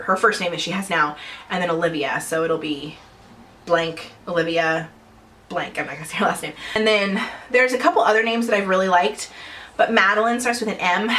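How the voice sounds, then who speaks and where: A woman's voice: on the low side, fairly bright tone, slight background noise, poor audio. A young adult woman vlogging at home in casual chat to camera, chatty and rambling with frequent small laughs.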